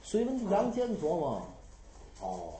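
A storyteller performing traditional oral storytelling with an animated, rhythmic, theatrical delivery. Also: medium pitch, normal speed, roomy sound, a little hiss or hum.

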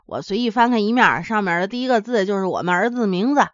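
A woman voicing a timid village husband who speaks low and sheepishly, stammering when flustered. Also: expressive, fast, no echo, lo-fi sound, natural voice.

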